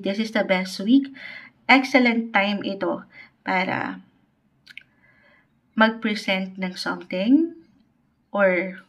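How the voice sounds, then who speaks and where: A woman giving a weekly tarot reading on a livestream. She mixes Tagalog and English, speaks politely, and keeps checking in with "okay?". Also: mid-range voice. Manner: polite, uses "po" often. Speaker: tarot reader.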